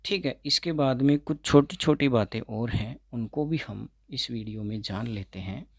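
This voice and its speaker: A man teaching English pronunciation as an exam-prep tutor, explaining slowly, repeating words and correcting himself as he goes. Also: mid-range voice, no echo, clean studio sound. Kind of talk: explaining phonetics in Hindi.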